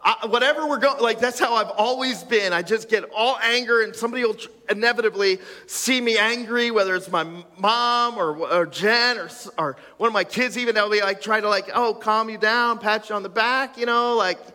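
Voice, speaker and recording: A man in his thirties preaching a casual sermon, joking and restarting, then building to loud emphatic passages. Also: high voice, fairly quick, hardly any pauses. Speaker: pastor. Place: church auditorium. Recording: long hall reverb.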